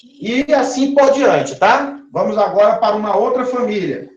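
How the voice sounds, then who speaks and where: Man, chemistry teacher, high voice, echoey room, stretched-out words. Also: expressive, dull audio. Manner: drawn-out words, repeated checks with the listener. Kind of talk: recorded classroom lesson.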